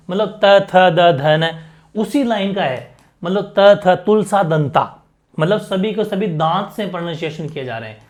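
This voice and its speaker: High-voiced man teaching a lesson. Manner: explains with repetition and quick check-ins. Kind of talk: exam-prep lesson.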